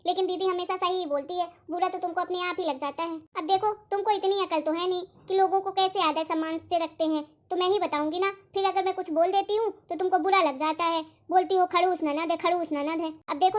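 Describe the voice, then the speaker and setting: A domineering cartoon sister-in-law scolds in a very high, harsh, sarcastic voice. Her nagging never lets up. The recording sounds dull and lo-fi. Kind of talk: animated cartoon voice acting.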